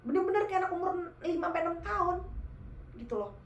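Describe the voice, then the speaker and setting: A woman casually telling a true horror story, animated and speaking directly to her listeners. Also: extremely high pitch, fast talker, echoey room, lo-fi sound, slight background noise. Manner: animated, addresses listeners as guys.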